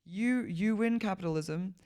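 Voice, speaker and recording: Speaking at a measured pace in a warm, mid-range voice, a Malawian woman guests on a podcast. The interview is casual and conversational, and she rambles freely, laughs a lot, and fills her speech with "like."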